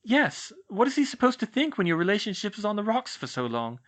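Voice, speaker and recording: In a fan fiction audiobook, a narrator voices a clever, bossy teenage witch girl who scolds in an earnest, insistent way. The medium-pitched voice is sing-song and brisk, pushed up slightly yet still close to an everyday voice.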